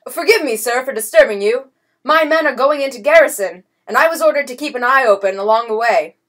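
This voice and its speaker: A woman's voice: high voice, expressive, brisk, a bit bright, pitched above the performer's own voice. A woman reading a storybook voices a nervous cavalry captain who reports stiffly and formally. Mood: flustered. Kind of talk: audiobook character voice.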